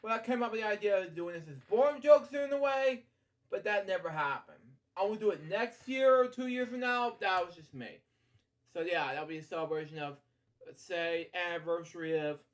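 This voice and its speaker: A high-voiced man reads a picture book at bedtime in a halting, rambling way. He keeps digressing into casual asides and off-the-cuff remarks, then picks the story back up.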